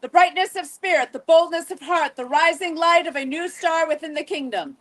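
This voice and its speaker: A woman acting as herald at a medieval reenactment court, loudly declaiming ceremonial proclamations in formal, old-fashioned renaissance fair speech. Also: very high voice, moderate pace, poor audio.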